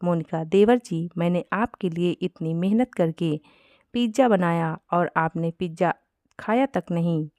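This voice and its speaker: A woman's voice: lowish voice, unhurried, a little mellow, no echo, studio quality, natural voice. A woman voicing a jealous, scheming young wife in a Hindi storybook reading, talking in a pushy, clingy way. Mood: sulky. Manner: pushy, needy.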